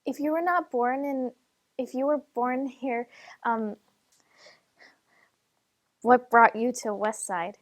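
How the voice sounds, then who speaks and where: Woman host, kinda high voice, polite scripted questions for an oral history. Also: steady tone, slow pace, pauses often. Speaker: interview host.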